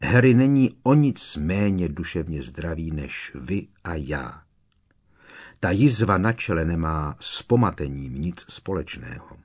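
A stern, wise old headmaster, as a man voices him in an audiobook, measured and cold in his firmness. The voice is low and husky. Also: very animated, a little mellow, heavily acted. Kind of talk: audiobook character reading.

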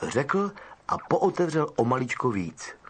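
Husky-voiced male audiobook narrator. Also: mid-range voice. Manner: expressive storytelling. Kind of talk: scripted narration.

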